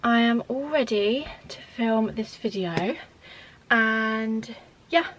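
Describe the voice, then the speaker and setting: A woman's voice: fairly high pitch, slow, a bit bright, a little hiss or hum, poor audio. Bubbly chatty young woman. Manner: bubbly, rambling, laughs often. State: out of breath. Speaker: vlogger. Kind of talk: chatty Q&A vlog. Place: at home, indoors.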